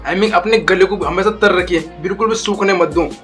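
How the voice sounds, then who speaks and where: A young man coaching his viewers through voice exercises in a slow, deliberate way. His voice sits a bit high for a man, and soft music plays faintly behind him. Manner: slow, deliberate, addresses viewers as guys and bro. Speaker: YouTube voice coach. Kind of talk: casual tutorial talk.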